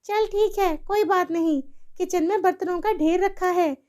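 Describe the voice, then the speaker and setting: Woman playing a bossy cartoon lady of the house, very high and mellow voice. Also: moderate pace. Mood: scolding. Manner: scolding, bossy. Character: strict rich woman employer, mistress.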